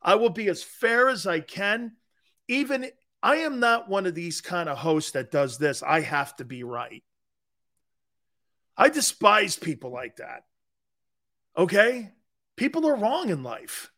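A man's voice: sits high, big pitch swings, a little slow, pauses often, pushed and bright. A man from Connecticut hosting a sports talk show, talking bluntly and directly to his viewers in a casual way. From Connecticut, USA.

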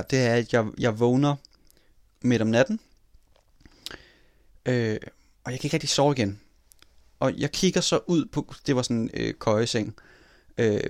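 A man in casual chat telling a personal story in an animated way, swearing casually. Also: mid-range voice, no room sound, clean studio sound.

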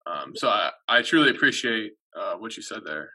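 Very bright-toned male podcast host. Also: fairly low pitch, very animated, husky. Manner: appreciative, halting with fillers. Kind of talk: podcast conversation.

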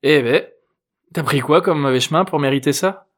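An awkward middle-aged man, voiced by a male narrator in an audiobook, stammering and hesitant. He speaks a little higher and louder than the narration. Plainly his own voice. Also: normal speed, lightly acted. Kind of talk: audiobook character voice.

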